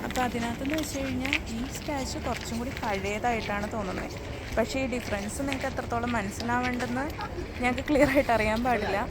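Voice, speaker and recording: A woman's voice: on the high side, quick pace. A woman with a Malayali accent giving casual, explanatory travel vlog narration, mixing English words into her Malayalam. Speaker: travel vlogger. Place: outdoors in a city at night. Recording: loud music, vehicle noise behind.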